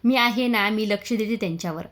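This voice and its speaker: A woman reads a guarded young woman guest from a family serial. She answers evasively, with soft, pointed remarks, close to the narrator's own voice. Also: medium pitch, a little fast, close to an everyday voice.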